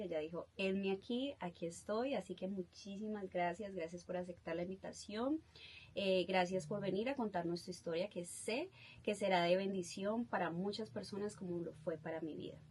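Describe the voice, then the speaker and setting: Woman podcast host, middle pitch, affirming interviewer. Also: normal speed, breathy edge. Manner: warm, affirming, frequent fillers.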